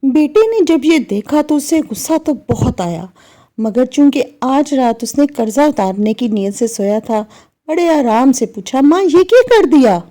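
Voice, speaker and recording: A woman's voice: sits high, lively intonation, unhurried, mellow. A woman narrating a moral story in an earnest, emotive manner, acting out the dialogue.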